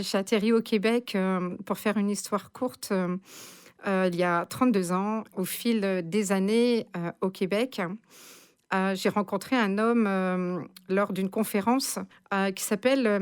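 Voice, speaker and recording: A woman's voice: medium pitch, clear, resonant tone. A woman in her sixties from France, a radio guest telling her story with many hesitations and fillers. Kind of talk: casual radio interview.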